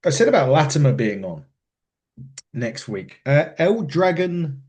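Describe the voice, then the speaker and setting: Animated, rambling male podcast co-host. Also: a little high, a little slow. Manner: rambling and animated, with frequent laughs and restarts. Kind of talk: casual wrestling chat.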